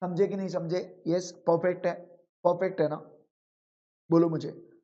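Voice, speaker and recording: A man teaching law in an online exam-prep lecture, calling students "my children", asking check questions, and reading rules slowly. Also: high voice, flat delivery, warm tone. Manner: reads legal rules slowly and with emphasis. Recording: dull lo-fi sound.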